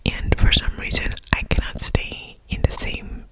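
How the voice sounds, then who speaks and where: A young woman whispering breathily into cupped hands in ASMR style, reflecting in a hesitant, personal way. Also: a little slow. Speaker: ASMR host. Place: alone in a room at home.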